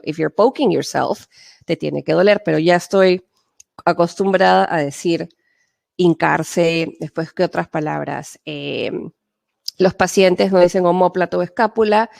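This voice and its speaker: Peruvian lady teaching a webinar, low gravelly voice, chatty with lots of fillers, dry sound. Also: darkish tone, dry recording. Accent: Peruvian Spanish. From Peru. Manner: conversational, many fillers and tag questions. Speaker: medical interpreter and webinar speaker. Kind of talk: webinar lecture.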